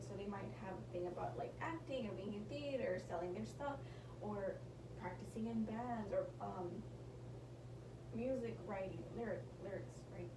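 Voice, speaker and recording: A young woman gives a casual tarot reading, sounding nasal and worn out from a sinus infection. She rambles, corrects herself, apologizes, and sometimes slips into a whisper. Her medium-pitched voice is reverberant and recorded from a distance, with a noisy background.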